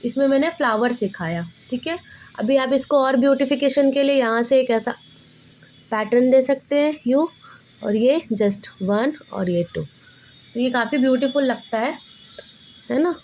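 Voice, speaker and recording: Woman art teacher, fairly high voice, patient step-by-step tutorial delivery. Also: unhurried, a little mellow. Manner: patient, addresses viewers as children. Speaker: drawing teacher. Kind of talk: tutorial instruction.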